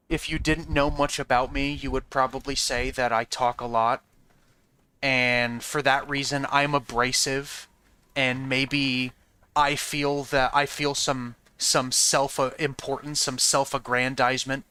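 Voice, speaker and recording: A streamer talks to chat while playing a game, rambling frankly, often asking "you know what I mean?" and swearing now and then. His medium-pitched voice is pushed, bright and smooth.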